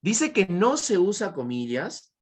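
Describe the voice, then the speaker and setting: Man, teacher, Peruvian Spanish accent, animated intonation, repetitive, asks questions, praises answers. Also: high-pitched, measured pace, husky. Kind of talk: online class lecture.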